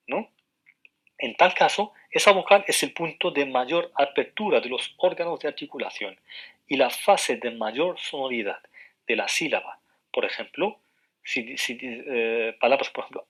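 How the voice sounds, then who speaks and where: A man giving a university lecture over the radio, explaining slowly with frequent hesitations, repeated words and questioning tags. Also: mid-range voice, pushed and bright.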